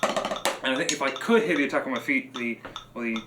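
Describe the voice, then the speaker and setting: A man speaks in an easy, casual way while drilling patterns on a drum kit. He thinks out loud between chanted counts and syllables. His voice sits in the middle of the male range and carries the reflections of a live room. Loud clattering percussion runs under his talk throughout. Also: mid-range voice, brisk, roomy sound, heavy background noise. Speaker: drum teacher streaming practice. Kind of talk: casual live-stream practice chat.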